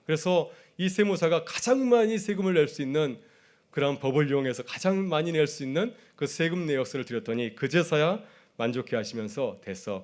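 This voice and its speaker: A man's voice: medium pitch, a little mellow. A man delivers a Sunday sermon as a pastor, speaking in an ordinary mid-range voice. He tells stories and asks his listeners questions directly, sometimes acting out the voices of the people he quotes. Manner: storytelling preacher who acts out quoted voices.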